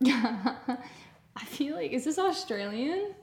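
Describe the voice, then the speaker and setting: A young woman co-hosting a podcast in casual chat, playful and quick to laugh. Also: sits high, big pitch swings, darkish tone, roomy sound. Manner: giggly, chatty, playful. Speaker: podcast co-host.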